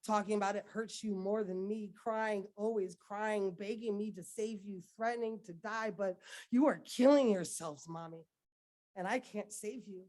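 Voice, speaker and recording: Woman poet, ceremony recital, intense measured spoken-word reading, mid-range voice. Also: medium pitch, fairly even intonation. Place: dedication ceremony, indoors.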